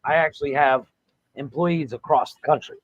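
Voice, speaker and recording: A man's voice: on the high side, moderate pace, highs cut off. A man co-hosting a podcast, talking in brash, profane banter. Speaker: podcast co-host. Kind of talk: casual chat.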